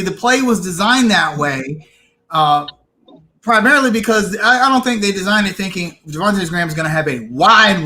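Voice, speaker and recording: A man co-hosting a casual sports podcast, opinionated and animated, restarting his sentences as he argues. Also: sits high. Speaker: podcast co-host.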